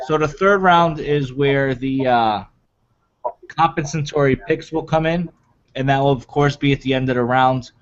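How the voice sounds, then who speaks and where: A man co-hosting a sports draft show talks in a casual, chatty way as he runs down the picks. His voice sits at an ordinary pitch. The recording is dull and a little lo-fi. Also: normal speed, clean tone. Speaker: co-host of draft podcast.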